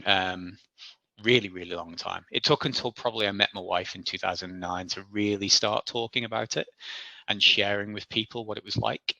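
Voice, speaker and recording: Guy, 40s, lowish bright voice, chatty and laughing at himself, dry sound. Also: steady tone, moderate pace, creaky, no echo, highs cut off. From Isle of Man. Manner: chatty, self-deprecating, laughs often. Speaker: podcast guest. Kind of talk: casual interview storytelling.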